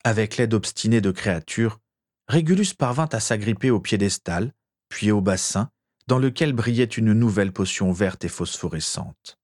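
A man narrating a story in a measured, expressive storytelling manner. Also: fairly low pitch. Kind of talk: dramatic story reading.

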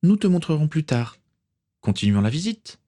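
A man voicing a calm, firm woman pirate swordswoman in a storybook reading. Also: fairly high pitch, normal speed, pitched above the performer's own voice.

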